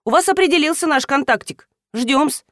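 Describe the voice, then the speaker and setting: A cheeky young woman tosses out crude, slangy jokes in a light voice, as a narrator puts her on. The audiobook sound is dry and close, the voice sitting a little high. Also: animated, moderate pace, a bit bright, dry recording. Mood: teasing.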